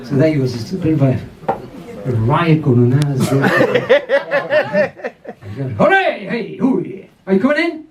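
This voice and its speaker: A man's voice: on the high side, a little slow, long pauses. An older man from England, compering a pub comedy night with sweary, rambling crowd work and frequent laughs at his own jokes. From North East England. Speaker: comedy club MC. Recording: distant mic, lively crowd.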